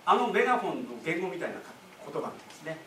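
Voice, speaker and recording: High-voiced pastor preaching in an echoey hall. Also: male voice, sing-song, quick pace, fairly bright tone, distant mic, slight background noise. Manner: conversational, explains with asides and rhetorical questions. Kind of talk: sermon. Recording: echoey room, speaker away from the mic.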